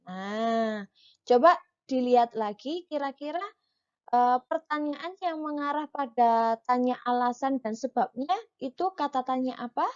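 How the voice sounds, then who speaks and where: Woman, primary school teacher, patient, marked reading intonation, fairly high voice, muffled lo-fi audio. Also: clear, resonant tone. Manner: patient, slow, reads dialogue with marked intonation. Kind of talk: online reading lesson for children.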